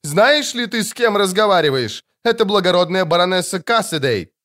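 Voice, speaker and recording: A man voicing a frightened, pompous noblewoman chaperone who protests in a shrill, breaking voice. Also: a little fast, clean tone, close to an everyday voice. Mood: indignant. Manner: shrill, indignant.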